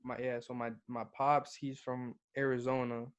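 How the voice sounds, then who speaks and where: A young man from Guatemala chats loosely as a podcast guest, keeping his pitch level and even. He drops casual swears and keeps saying bro. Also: normal speed, smooth. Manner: laid-back, swears freely, calls the host bro. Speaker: podcast guest, hip-hop artist. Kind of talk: casual interview chat.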